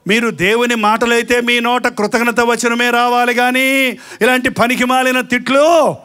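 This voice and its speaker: A pastor preaching a live sermon, asking the congregation rhetorical questions and slowly stressing each item in a list of sins, with mocking asides. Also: male voice, extremely high pitch, level tone, pushed and bright, clear, resonant tone. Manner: slow, emphatic listing of sins.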